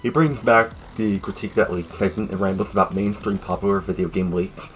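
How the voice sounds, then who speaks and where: A young man casually narrating a fan video review, jokey and rambling, with sudden loud outbursts. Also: low voice, a little fast, faint music behind.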